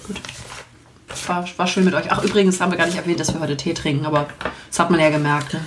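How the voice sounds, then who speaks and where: A woman with a lower voice talks very fast, tossing quick questions and jokes into a friendly podcast chat. There is a clear hiss of noise under her voice. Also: steady tone. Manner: quick interjections and jokes, signs off the show. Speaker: podcast co-host. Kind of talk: casual chat.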